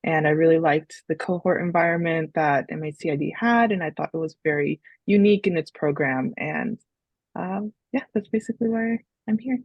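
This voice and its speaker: Student panelist: woman, slightly low, hesitant delivery, dry and dull-sounding line. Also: normal speed, no echo. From San Francisco Bay Area. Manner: hesitant, with many fillers. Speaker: graduate student. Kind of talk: casual panel introduction. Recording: dull, dry remote audio.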